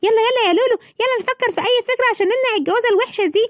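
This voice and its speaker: A woman's voice: extremely high pitch, rapid-fire, no echo, highs cut off. A woman with an Egyptian accent voicing fretful little girls in a children's toy story. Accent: Egyptian Arabic. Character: embarrassed little girls worried about gossip. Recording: music playing behind.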